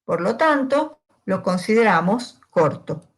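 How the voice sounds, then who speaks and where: Slow, patient woman teaching English grammar. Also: mid-range voice, sing-song, breathy edge. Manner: patient, asks questions and answers them herself. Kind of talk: slow, step-by-step grammar lesson.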